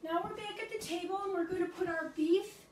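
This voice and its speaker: A woman's voice: very high-pitched, fairly even intonation, fairly quick, a little hiss or hum. An older woman patiently explaining a recipe step by step for kids in a home kitchen, recorded by a camera a few feet away. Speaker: library cooking instructor for kids. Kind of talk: cooking demonstration. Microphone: far camera. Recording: echoey kitchen from a distance. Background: faint sizzling of frying meat.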